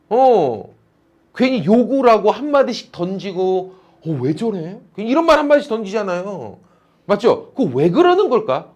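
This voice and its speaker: A male teacher lecturing a class in a lively, teasing way, often calling on students by name. His voice sits high for a man. It swings widely in pitch as he talks. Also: highs cut off.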